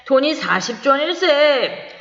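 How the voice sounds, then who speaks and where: A woman's voice: high voice, big pitch swings, takes it slowly, a bit bright, pitched above the performer's own voice, full character voice. A woman voicing a wary middle-aged male friend who chides a drunk, in a dull, echoey recording. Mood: chiding. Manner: chiding, reasoning. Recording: dull-toned echoey recording with long reverb.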